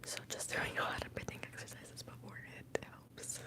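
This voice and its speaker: Whispering breathily and slowly right up against a sensitive microphone, a young ASMR streamer chats casually and responds to her chat. She is a native Spanish speaker who was born in Mexico and moved to the US as a small child.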